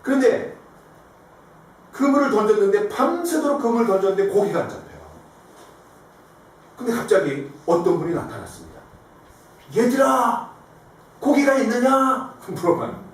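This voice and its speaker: In a church sanctuary, a male pastor preaches a sermon, animatedly telling stories, acting out quoted lines, and putting questions to the congregation. His voice sits high and moves fairly quickly with frequent pauses. The hall is echoey, the mic distant, and there is faint noise.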